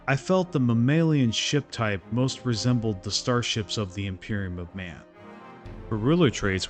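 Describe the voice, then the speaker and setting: A man giving a casual, opinionated gameplay guide as a voice-over, explaining his choices informally. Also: fairly low pitch. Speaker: video game guide host. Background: faint music.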